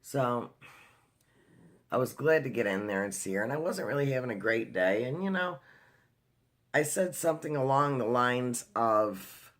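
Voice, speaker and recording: A man's voice: mid-range voice, animated, normal speed, a bit bright. A man talking in a casual video diary, telling a personal story in a chatty way with lots of fillers and restarts. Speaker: vlogger.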